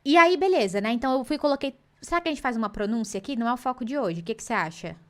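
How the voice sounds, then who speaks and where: Woman, Brazilian Portuguese accent, English teacher, live online class, playful, slightly high voice. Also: very fast. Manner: lively, playful, teacherly, mixes in English examples.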